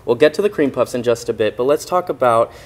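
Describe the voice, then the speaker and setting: A man's voice: medium pitch, animated, quick pace. A young man hosting a live morning TV studio interview, upbeat and chatty, recorded on a lapel mic in a news studio. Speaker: TV morning show host.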